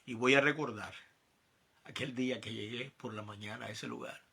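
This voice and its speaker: Gravelly preacher, emphatic. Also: male voice, mid-range voice, steady tone, moderate pace. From El Salvador. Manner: emphatic, swinging from quiet to loud climbs. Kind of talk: sermon testimony.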